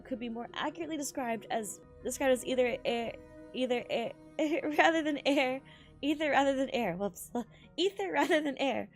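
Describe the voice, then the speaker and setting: A woman game streamer reads story text aloud and reacts live, excitedly exclaiming and tripping over words while game music plays behind her. Her voice is high and her speed normal.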